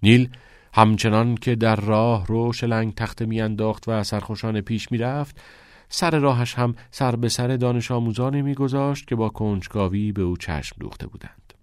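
A man narrating an audiobook chapter in a measured, even storytelling voice. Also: medium pitch, smooth, no echo, clean studio sound.

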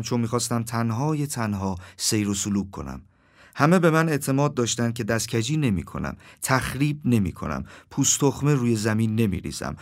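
A man reading a surreal first-person story in a calm, deadpan way. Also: mid-range voice.

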